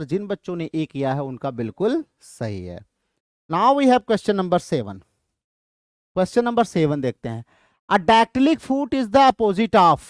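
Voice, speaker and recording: This exam-prep lesson is led by a man with a high voice and an Indian English accent. Clean studio sound with no room sound captures him repeating points often and answering the questions he raises.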